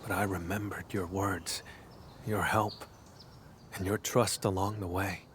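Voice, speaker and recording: In video game story dialogue, an actor voices a brooding, solemn male warrior who is earnest and devoted. His low voice stays flat as he speaks measured, formal lines in a hushed, intimate way, over slight background noise.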